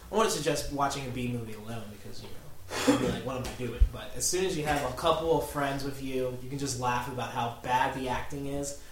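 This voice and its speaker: A man's voice: mid-range voice, a little fast. A young man chatting casually with friends, curious and asking lots of questions. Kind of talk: casual chat among friends. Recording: echoey room, faint noise.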